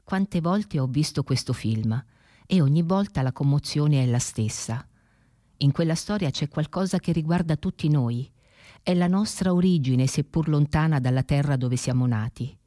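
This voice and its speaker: Measured, reflective film narrator, mellow tone. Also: medium pitch, animated, no room sound, studio quality. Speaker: film commentator. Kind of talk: scripted narration.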